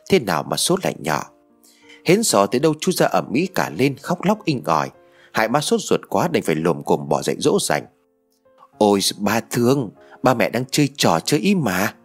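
A man narrating an audio story in an expressive storytelling manner. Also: on the low side, husky.

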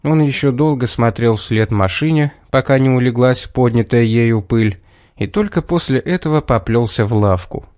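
A man reading a children's story aloud in an expressive way. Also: medium pitch, moderate pace, no echo, clean studio sound. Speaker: narrator. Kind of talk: scripted storybook narration.

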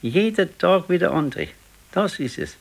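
This man's high voice swings widely in pitch at a normal pace, with vocal fry and a heavily acted delivery. In a naturalistic 1970s dialect radio play, he speaks plainly in Bavarian as a regretful, discontented, ailing husband of 68, brooding over his regrets.

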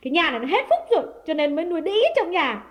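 A woman voicing a furious, jealous lady of the house who scolds and curses in shrill shouts. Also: rapid-fire, long reverb tail, natural voice. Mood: enraged scolding.

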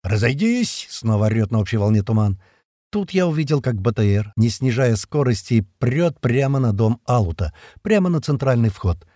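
Male narrator for a gritty action audiobook: dark, slightly raspy tone, dry close recording. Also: mid-range voice, animated, normal speed, dry recording. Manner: vivid, tense storytelling that voices the soldiers' shouts. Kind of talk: first-person action audiobook reading.

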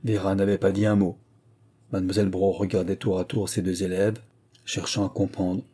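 A man reading a novel aloud in a measured, expressive narration. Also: low voice, slightly rough. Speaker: audiobook narrator.

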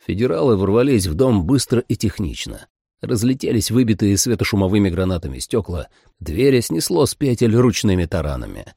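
Gravelly deep-voiced male audiobook narrator. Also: very animated, a little fast, warm tone, no room sound, clean studio sound. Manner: dramatic, voices every character. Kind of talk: first-person audiobook narration.

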